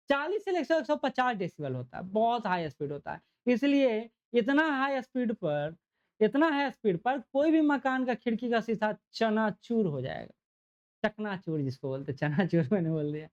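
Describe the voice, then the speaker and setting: A man's voice: very high voice, dull audio. A man teaching an exam-prep lecture, repeating key points and checking understanding with rhetorical questions. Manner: gets louder and softer to demonstrate sound.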